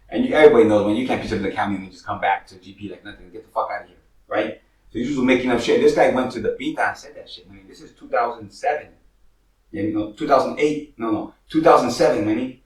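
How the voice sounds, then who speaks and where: Streetwise man telling stories, roomy and distant. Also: medium pitch. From Northern California. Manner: streetwise slang, peppered with "money" and "you feel me". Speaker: host telling his own stories. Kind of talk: casual storytelling to camera.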